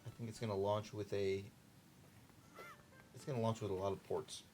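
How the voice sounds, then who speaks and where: A man's voice: lowish voice, level tone, moderate pace, darkish tone, faint music behind. A young man chatting casually while he plays through a game on a long marathon stream, joking with the on-screen characters. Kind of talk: casual gaming chat during a marathon stream.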